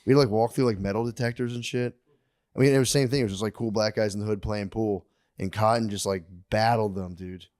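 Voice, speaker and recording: A man's voice: fairly low pitch, fairly even intonation, quick pace, a little mellow, dry recording, clean studio sound. A man, a comedian on a podcast, rambling through profane stories in casual chat.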